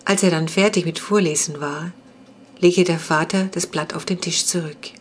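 Woman narrating a children's audiobook, calm measured reading, low voice, faint background noise. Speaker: author reading her own book.

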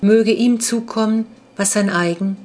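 A woman's voice: medium pitch, fairly even intonation, unhurried, darkish tone, close to an everyday voice. A woman reading a father in a storybook as he reads aloud an old, formal confession. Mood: solemn. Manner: solemn, formal.

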